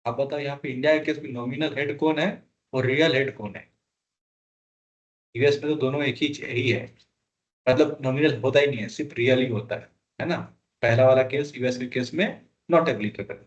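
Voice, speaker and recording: A man's voice: mid-range voice, muffled recording. Man, exam prep teacher, classroom lecture, quizzes students, repeats key words. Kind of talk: classroom lecture, Hindi mixed with English.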